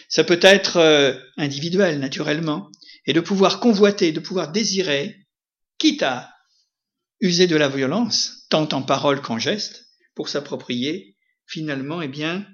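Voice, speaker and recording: Guy preaching a sermon, keeps asking the crowd stuff, high-ish voice, bit muffled recording. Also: a bit bright. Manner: conversational, asks the audience questions, frequent "hein".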